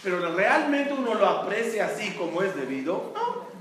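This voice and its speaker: A man from Israel gives a rabbi's talk in a high voice, asking his listeners one question after another and then answering. He sounds distant from the mic, in a room with heavy echo. Faint background noise sits under his voice. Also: very animated, normal speed, fairly bright tone. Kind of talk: Torah talk to an audience.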